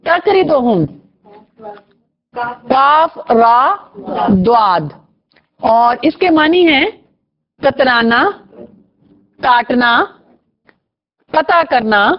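A woman's voice: sits high, expressive, long pauses. A woman teaching Quran vocabulary, explaining Arabic word roots, asking her students questions and praising their answers. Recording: dull lo-fi recording.

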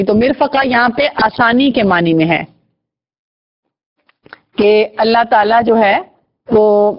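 Woman teacher going over arabic word roots, high voice, kinda muffled lo-fi audio, asks the class stuff n says well done. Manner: patient, asks questions and praises answers. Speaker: Quran vocabulary teacher. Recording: dull lo-fi recording.

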